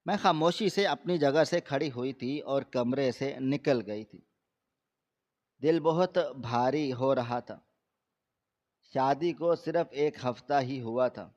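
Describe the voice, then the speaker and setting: A man reading a scripted first-person story aloud in a steady, measured way. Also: medium pitch. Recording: slightly dull lo-fi recording.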